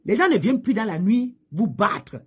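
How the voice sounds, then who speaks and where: A woman pastor preaching a sermon, telling a testimony with loud high exclamations and low hushed asides. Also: sing-song, normal speed. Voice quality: husky.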